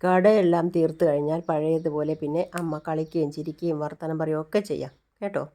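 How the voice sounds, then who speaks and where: A woman's voice: sits low, fairly even intonation, brisk, warm tone, lightly acted. A woman voicing a loving, hard-working young mother in a retold serial, speaking in a soothing, reassuring way.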